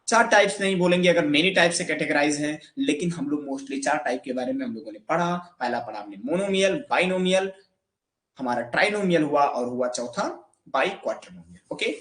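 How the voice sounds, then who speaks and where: A man's voice: on the high side, a bit bright. Hindi-speaking man teaching math, echoey room. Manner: asks questions and answers them himself. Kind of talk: classroom lecture.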